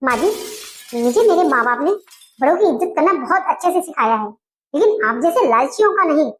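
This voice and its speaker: A woman's voice: high voice, expressive, fairly quick. A woman playing an outspoken young wife who firmly scolds her in-laws, in a comedy skit. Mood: defiant. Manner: firm, indignant, scolding.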